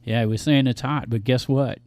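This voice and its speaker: A man's voice: medium pitch, fairly even intonation, fairly quick, a little mellow, no room sound. A man hosting a casual talk show, bantering informally and reading out local gig listings. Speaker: show host.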